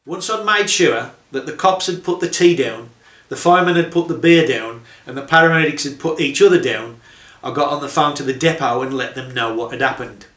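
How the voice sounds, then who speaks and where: A man's voice: medium pitch, a little fast, fairly bright tone, roomy sound. A middle-aged man telling trucking stories in a casual, dry, sardonic way, chuckling at his own jokes. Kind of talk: casual anecdotal storytelling.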